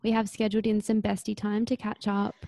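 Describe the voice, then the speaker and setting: A young woman talks about her week in a warm, reflective way. Her voice sits in a middle pitch with a gravelly fry. The close mic gives a dry sound. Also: completely flat delivery, fairly quick, no echo. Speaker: podcast co-host. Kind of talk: casual chat.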